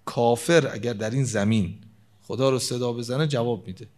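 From the pulpit, a man preaches a religious sermon in a medium-pitched voice. He slows right down for scripture quotations and alternates between raised and hushed delivery.

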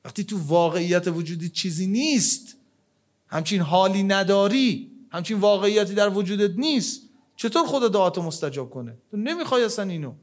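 A man preaching a religious sermon, his voice swinging between loud, emphatic questions and low, hushed lines, with Arabic verses and prayers quoted along the way. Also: lively intonation.

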